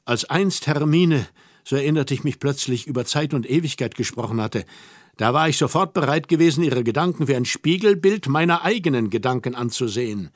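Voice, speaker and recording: A man narrating a literary audiobook in a measured, reflective first-person telling. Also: medium pitch, animated, no room sound.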